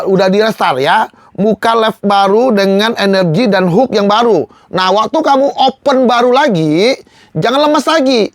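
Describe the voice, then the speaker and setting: A young man with a noticeably high voice talks viewers through a slide tutorial in a casual, slangy way. He is emphatic, answers his own rhetorical questions and keeps circling back to reminders. The recording is close and dry, with no room sound. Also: no room sound. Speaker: live-selling coach. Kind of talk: slide-based tutorial talk.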